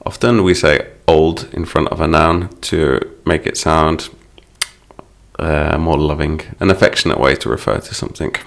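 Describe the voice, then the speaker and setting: Male English teacher, low gravelly voice, patient explainer, walks through song lyrics. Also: moderate pace.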